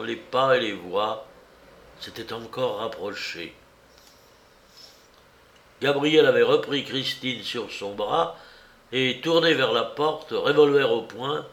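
Homme lisant un roman, lent et dramatique. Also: male voice, mid-range voice, a bit bright. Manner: slow, dramatic storytelling. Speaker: audiobook reader. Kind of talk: novel narration read aloud. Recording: roomy echo.

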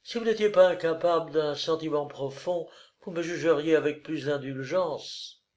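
A man reading aloud and voicing a proud, wounded young noblewoman who answers in a raised, hushed, intense voice. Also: sits low, moderate pace, pitched above the performer's own voice, lightly acted. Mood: bitter.

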